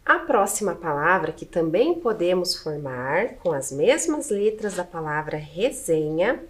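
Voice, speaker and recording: A woman's voice: lowish voice, big pitch swings, unhurried. A Brazilian woman teacher with a Brazilian Portuguese accent, patiently spelling out letters and syllables one by one in a video lesson.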